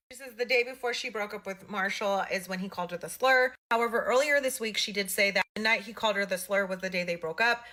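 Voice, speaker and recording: A woman's voice: medium pitch, sharp tone. A woman giving blunt, matter-of-fact commentary in an explainer video, reading messages aloud as she goes. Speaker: social media gossip commentator.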